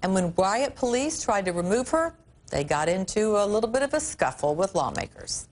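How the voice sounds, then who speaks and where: A woman's voice: mid-range voice, big pitch swings, moderate pace, darkish tone. A female news anchor in her forties reading news copy in a studio, with chatty asides between stories.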